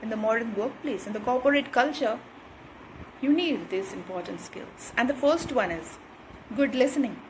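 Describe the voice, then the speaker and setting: A woman's voice: fairly high pitch, normal speed, slight background noise, poor audio. A woman giving an instructional talk on communication skills, repeating her points and checking in with "right?".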